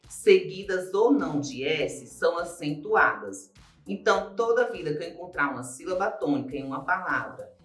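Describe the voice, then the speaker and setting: A man with a Brazilian Portuguese accent, a Portuguese teacher giving a recorded grammar lesson. He explains slowly and step by step, repeats key points and stretches out the words he stresses. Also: on the high side, bright, forceful tone. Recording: roomy echo with faint music behind.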